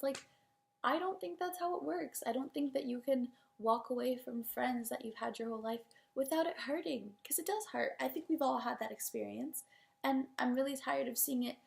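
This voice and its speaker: A young woman vlogging about books, ranting in an animated, exasperated way with lots of "like". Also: fairly high pitch, gravelly. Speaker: book vlogger. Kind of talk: casual opinion vlog.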